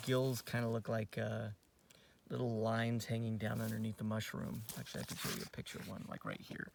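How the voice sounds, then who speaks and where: A man's voice: mid-range voice, vocal fry, distant mic, noisy background. A man giving a casual outdoor nature lesson for kids on his lawn, friendly and rambling with lots of fillers. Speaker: outdoor education teacher.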